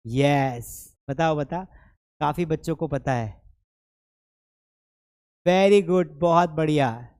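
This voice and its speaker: With a slightly high, mellow, clean voice, he speaks very slowly and pauses often. He's a spoken English teacher with an Indian accent and Hindi as his language, giving a chatty, teasing live online lesson, lecturing playfully and calling students "beta," his voice strained from an hour's talking.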